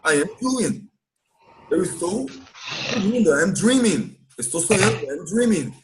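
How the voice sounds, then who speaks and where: A Brazilian man with a notably high-pitched voice leads a live English lesson. He explains patiently and drags out words slowly so that listeners can copy the pronunciation. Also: sing-song, background noise. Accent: Brazilian Portuguese. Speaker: English teacher. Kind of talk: live online class recap.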